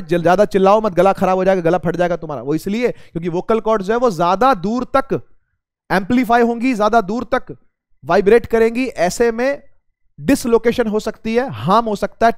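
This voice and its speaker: A man's voice: sits high, dry recording, clean studio sound. A man teaching a casual physics lesson, asking his students questions and answering them himself, his throat a little strained. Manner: addresses students as beta, asks and answers his own questions.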